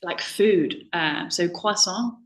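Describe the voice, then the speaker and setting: A woman's voice: lowish voice, normal speed, fairly bright tone. Chatty woman in a roomy echo. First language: English. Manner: chatty, lots of ums and self-quoting. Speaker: guest speaker. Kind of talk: casual conversation.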